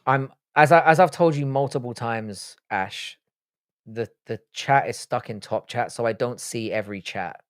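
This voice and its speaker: This livestream host speaks at medium pitch and normal speed, his sound clean and studio-grade with no room tone. He's a young man, Irish-born but UK-raised, answering viewers in crude, joking, straight-talking chat.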